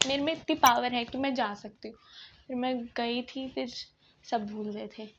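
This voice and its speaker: A young adult woman telling a casual storytime, blunt and slangy in an animated way. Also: fairly high pitch, normal speed, highs cut off. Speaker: vlogger. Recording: clear background noise.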